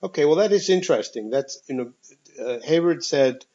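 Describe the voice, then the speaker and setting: A man's voice: fairly high pitch, lively intonation, moderate pace, mellow, slight background noise. A man teaching a discussion class, heard through a speakerphone on a phone call, talking in a thoughtful, hesitant way with many ums. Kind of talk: leading a text discussion class. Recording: dull speakerphone call audio.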